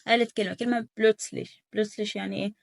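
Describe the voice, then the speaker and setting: Fast-talking Egyptian woman with gravelly fry. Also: medium pitch, flat delivery, no room sound, studio quality. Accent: Egyptian Arabic. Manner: rapid, repetitive coaching, drills pronunciation aloud. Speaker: German teacher. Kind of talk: casual online language lesson.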